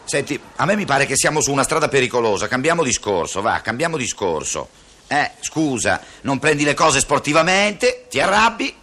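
A nagging, bright-voiced conscience. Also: male voice, medium pitch, animated, normal speed. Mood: exasperated. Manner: coaxing, scolding, repeats the other man's name. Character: nagging moralizing male conscience, talkative and reproachful. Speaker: comic actor. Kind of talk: 1960s radio comedy sketch.

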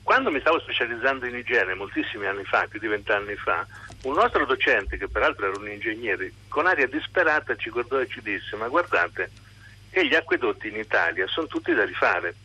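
Very sharp-voiced middle-aged male caller. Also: on the low side, animated, a little fast, breathy edge, low-quality recording. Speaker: radio phone-in caller. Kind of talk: informal spoken anecdote.

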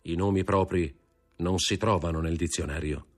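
A grave, anxious magistrate, as voiced by a man reading an audiobook speaks in a very low, hushed and restrained voice, urging calm. His tone is quiet and held back. Faint music sits underneath. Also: normal speed. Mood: tense hushed.

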